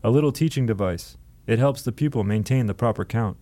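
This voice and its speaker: A man's voice: mid-range voice, brisk, dark tone, lightly acted. Eccentric elder rebbe, teasing and lordly, audiobook figure, read by a man. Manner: wry, lordly and instructive.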